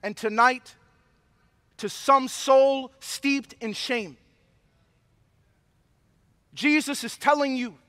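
A man's voice: extremely high pitch, extremely slow, long pauses, fairly bright tone, no room sound. A man preaching a sermon, a father who mixes impassioned preaching with personal stories. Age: adult father of young children. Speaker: pastor.

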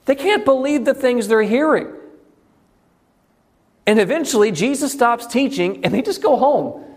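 A man preaching an evening sermon, swinging between high exclaims and hushed low lines. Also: animated, moderate pace.

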